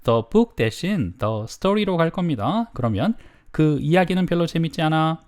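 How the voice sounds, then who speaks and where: A man teaching an English lesson, prompting learners to repeat, and reading model sentences slowly and deliberately. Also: on the high side, lively intonation, a little mellow. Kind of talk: drill-style language lesson.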